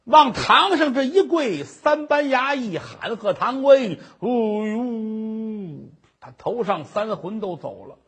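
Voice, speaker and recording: Husky, animated male storyteller. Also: high voice, takes it slowly. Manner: vivid, dramatic narration with asides. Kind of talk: traditional Chinese storytelling performance.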